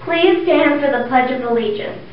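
A young woman reading the morning school announcements over the intercom, in a measured, sing-song way. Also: high voice, recorded from a distance, slight background noise. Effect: school intercom loudspeaker. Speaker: student announcer. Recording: echoey, muffled intercom heard from afar.

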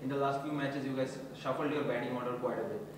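A man's voice: mid-range voice, steady tone, fast talker. A man asking questions at a press conference, hesitant and searching for words. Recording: distant mic in an echoey hall with background noise.

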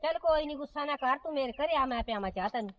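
A woman's voice: high-pitched, animated, fast talker, lo-fi sound. A woman playing an elder aunt-in-law who soothes and chides a relative in an amateur comedy short film. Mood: placating. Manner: soothing, then chiding. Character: elder aunt-in-law, calming but sharp-tongued.

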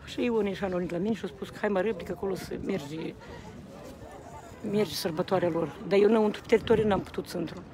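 A woman speaking passionately to a reporter outdoors at a rally, repeatedly appealing to the people around her. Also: mid-range voice. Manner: agitated, repeats appeals to the crowd. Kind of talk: impassioned street interview. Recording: outdoor street recording with crowd noise. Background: crowd.

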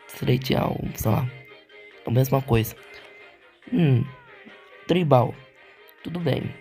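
A Brazilian man casually commenting on a game, musing slowly and often tagging his lines with a questioning "né?". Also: medium pitch, vocal fry, mellow. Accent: Brazilian Portuguese. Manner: slow, musing, with frequent "né?" tags. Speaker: gaming channel host.

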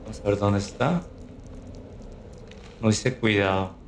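A man giving casual, unhurried gameplay commentary on a livestream, thinking aloud as he plays. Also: lowish voice. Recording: roomy echo with clear background noise.

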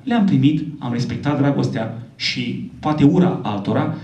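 A priest giving a lively speech at a book launch, telling stories and voicing the people he quotes. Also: mid-range voice, creaky, muffled recording. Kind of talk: public speech with storytelling. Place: event hall. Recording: echoey room from a distant mic.

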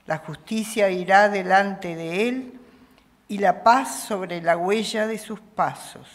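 An older woman at a chapel lectern microphone, reading the psalm verses of a Mass in a measured manner. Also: medium pitch. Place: small chapel. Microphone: stand microphone at lectern. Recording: long chapel reverb.

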